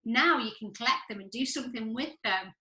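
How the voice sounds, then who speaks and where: A woman's voice: a little high, brisk, bright, forceful tone, reverberant. A British woman chatting enthusiastically as a co-presenter. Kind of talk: casual chat.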